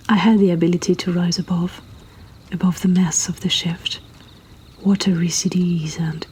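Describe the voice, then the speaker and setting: A woman with a lowish voice whispers softly through a poetry reading, acting as an intimate storyteller host. Her delivery is breathy and deliberate with long pauses, and there's slight background noise.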